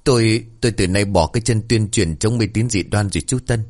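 A man's voice: lowish voice, brisk, a little mellow, natural voice. A man voicing a frightened, balding old village man who stammers and pleads for help. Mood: stammering.

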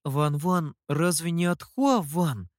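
Xiao Tu, a naive young scribe, voiced by a reader. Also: male voice, fairly high pitch, expressive, slow, dry recording, studio quality. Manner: innocent, questioning.

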